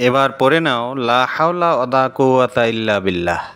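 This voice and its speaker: Man as a cartoon dad, calm, reassuring, clear smooth voice. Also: mid-range voice, a little fast. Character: calm caring father.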